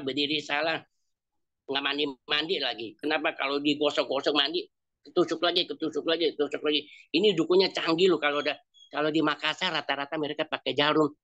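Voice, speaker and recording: A man's voice: on the high side, a bit bright, no room sound. A man, an evangelist telling a testimony sermon, repeating phrases emphatically and addressing listeners directly. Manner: repetitive, emphatic storyteller addressing listeners as "Pak". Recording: dull lo-fi dry recording.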